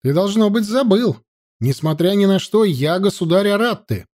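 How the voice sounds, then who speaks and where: A man playing a hot-tempered young prince in a storybook reading, speaking defiantly and indignantly. The voice sits fairly high and mellow. It is recorded close and dry. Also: lively intonation, normal speed.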